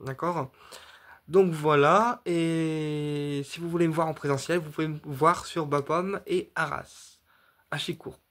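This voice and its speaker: A man who offers paid readings as a medium explains them casually, speaking straight to his viewers and checking in with "d'accord." He rambles with many fillers, restarts and repetitions, in a fairly high, fairly bright voice that stays fairly even and a little slow.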